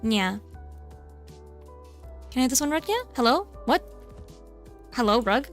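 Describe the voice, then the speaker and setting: A woman's voice: high-pitched, animated, measured pace, soft background music. A woman VTuber chatting casually while playing a game, flustered and chatty, tacking a cutesy "nya" onto her lines. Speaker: VTuber streamer. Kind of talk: casual gameplay streaming chat.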